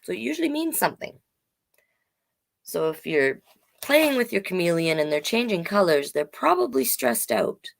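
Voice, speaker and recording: A woman with a fairly low, gravelly voice reads a picture book to children at normal speed, her delivery sing-song. As host, she makes it playful and expressive and adds chatty asides that explain things for young ears.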